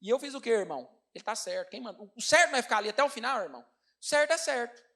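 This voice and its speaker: A Brazilian-accented male pastor tells a sermon story at a rapid clip. His voice rides high and lively, and he keeps turning to the congregation to call them brothers. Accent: Brazilian Portuguese. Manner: animated, addresses congregation as brothers.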